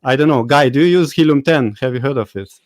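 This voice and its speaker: A man's voice: medium pitch, fast, no room sound. A man with a Lithuanian accent hosting a live webinar, chatty and hesitant, with many fillers and laughs. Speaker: host. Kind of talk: casual live webinar chat.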